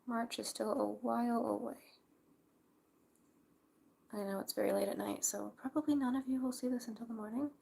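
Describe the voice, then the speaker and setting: Young woman, hushed whispery crafting chat, creaky and breathy, faint noise behind. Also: a little high, fairly even intonation, moderate pace, long pauses. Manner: hushed library whisper, keeping quiet for sleepers. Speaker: craft livestreamer. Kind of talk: casual live crafting chat. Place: at home late at night, crafting.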